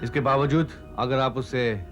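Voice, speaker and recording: A man's voice: mid-range voice, unhurried, lightly acted. A man playing a stern younger brother who coldly threatens his sister. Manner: cold, threatening. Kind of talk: Hindi TV serial acting. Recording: loud dramatic music behind.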